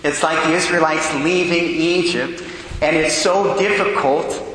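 A man, a priest, reads the gospel and preaches a sermon in a large church, in a measured, solemn way, and his voice rings with cathedral echo. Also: fairly high pitch, fairly even intonation, fairly bright tone. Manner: measured, solemn reading that turns earnest and quick in the homily. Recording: cathedral echo with long reverb, faint hum.

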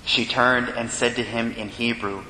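A man, a priest, reading the Gospel and giving a homily in a measured, earnest way with pauses, heard with a cathedral echo. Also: fairly even intonation, sharp tone. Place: large church. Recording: echoey church hall with faint rumble.

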